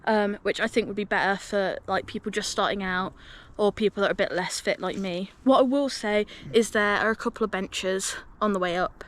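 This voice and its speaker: A woman's voice: mid-range voice, a little fast, few pauses, a bit bright. A woman from the UK, out of breath, chatting to camera on an outdoor hike with lots of ums. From United Kingdom. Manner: chatty, upbeat, with frequent ums. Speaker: hiking vlogger. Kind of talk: casual vlog to camera. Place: outdoors on a hill path.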